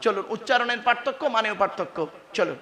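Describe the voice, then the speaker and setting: This is a male preacher from West Bengal delivering a sermon to a gathered crowd. His voice sits very high and sounds sharp and bright. He keeps pulling the listeners in with questions and calls for a response, and he mixes English words into the talk. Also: animated, brisk, reverberant. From West Bengal, India. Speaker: Islamic preacher.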